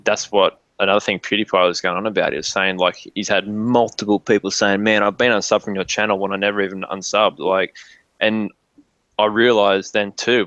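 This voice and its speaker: A livestream co-host chats casually in sweary, laid-back slang. His voice is low and a bit bright, picked up by a muffled lo-fi mic with roomy echo.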